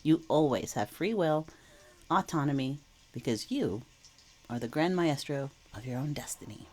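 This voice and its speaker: A tarot reader who hosts a channel talks in a low, a little mellow voice, expressive and at normal speed. Feeling under the weather, she is slightly wheezy and clears her throat while casually explaining a reflective, reassuring reading to viewers.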